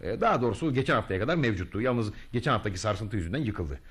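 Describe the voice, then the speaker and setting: A pompous, boastful self-made hero. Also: male voice, fairly low pitch, expressive, fast, breathy edge. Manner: grandiose, theatrical, muttering to himself. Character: boastful self-styled male freedom hero, pompous, vain. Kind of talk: radio drama acting.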